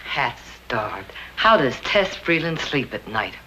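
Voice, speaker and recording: A woman's voice: rumbling low, very animated, slow, noisy background, heavily acted. An actress playing an earnest, compassionate woman lawyer who talks persuasively. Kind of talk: 1950s television drama acting.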